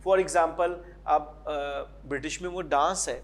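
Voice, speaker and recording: A man with a Pakistani accent, a guest English teacher answering interview questions and mixing English phrases into his talk. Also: on the high side. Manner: mixes English phrases into Urdu, explanatory.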